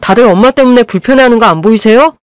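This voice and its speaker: A woman's voice: a little high, fast talker, clean tone, no room sound, clean studio sound, voice pushed up, natural voice. A woman voicing a playful young groom who coaxes and jokes. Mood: pleading. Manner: playful, coaxing.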